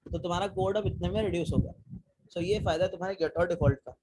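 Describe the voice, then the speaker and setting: High, mellow-voiced man teaching code. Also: fairly even intonation, quick pace, husky, rough recording. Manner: talks students through code step by step, asking them questions; casual, mixes English technical terms into Hindi. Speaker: programming teacher. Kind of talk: live online coding class.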